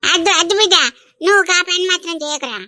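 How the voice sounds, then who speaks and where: A woman voicing a fussy, doting old village grandmother in an animated comedy, coaxing and full of endearments. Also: extremely high pitch, quick pace, no room sound, studio quality, heavily acted. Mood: soothing. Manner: coaxing, clucks endearments over and over.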